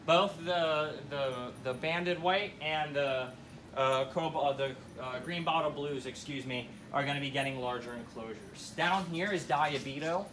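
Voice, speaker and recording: Speaking unhurriedly at a fairly high pitch, a young man leads viewers around an indoor terrarium showroom in a casual, enthusiastic tour. The recording is clear but carries background noise from the terrarium room.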